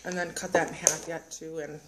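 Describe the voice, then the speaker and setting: A woman's voice: deep voice, flat delivery, a little fast, background noise. A woman chatting casually on a vlog, laughing and groaning. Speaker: vlog co-host. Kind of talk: casual chat.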